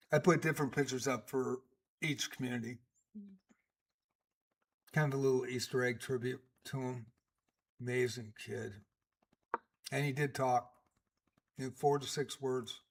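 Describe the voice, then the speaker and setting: A man in his sixties giving casual live-stream chess commentary, chatty and rambling with many fillers. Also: medium pitch. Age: 60s.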